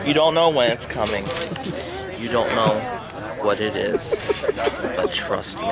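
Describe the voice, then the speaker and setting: Slow teasing man over a roaring crowd. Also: on the low side, lively intonation, creaky. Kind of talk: mocking banter at a roast. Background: loud crowd.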